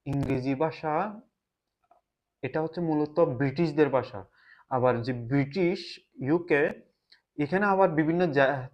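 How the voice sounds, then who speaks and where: A man from Bangladesh with a Bangladeshi Bengali accent talks casually to the camera in a reflective way, often pausing to search for words. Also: on the high side. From Chittagong, Bangladesh. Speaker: vlogger. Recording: slightly dull lo-fi sound.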